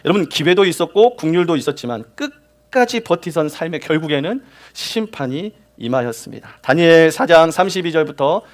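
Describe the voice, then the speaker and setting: A man's voice: a little high, lively intonation, a little fast. A middle-aged man preaching a sermon as pastor, talking emphatically and repeating phrases as he builds. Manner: emphatic, repetitive preaching with rising intensity.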